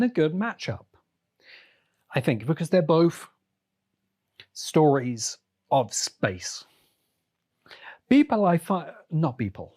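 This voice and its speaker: A man with a voice on the high side hosts a podcast alone as a critic, offering conversational commentary. He speaks emphatically and deliberately, repeating phrases for effect.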